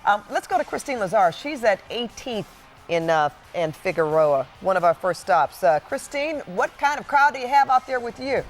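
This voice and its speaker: A woman's voice: mid-range voice, animated, normal speed, faint music behind. A woman co-anchoring live parade commentary in a conversational, bantering way.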